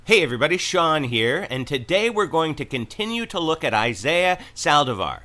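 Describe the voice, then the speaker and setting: A man's voice: a little high, big pitch swings, normal speed, bright, forceful tone. A man hosting with scripted religious commentary, speaking in an admonishing, declarative way.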